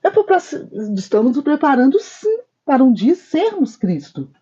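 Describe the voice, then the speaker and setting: A woman's voice: sing-song, moderate pace, warm tone, muffled recording. A woman co-hosting a spiritist discussion program, speaking emphatically and telling stories with quoted dialogue. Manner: wide swings of pitch when stressing points. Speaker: co-host.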